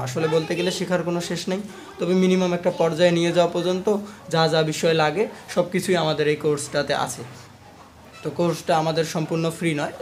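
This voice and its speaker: A man's voice: a little high, slight background noise. A man teaching ukulele, explaining a strumming rhythm step by step and chanting its beat syllables aloud as he plays. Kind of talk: instructional lesson. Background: plucked ukulele playing.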